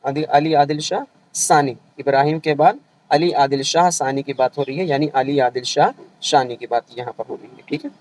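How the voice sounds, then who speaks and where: A man teaching an online revision lecture for a language exam, explaining patiently and repeating each point, often pausing to check that the students are following. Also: a little high, darkish tone, poor audio. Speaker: Urdu exam-prep teacher.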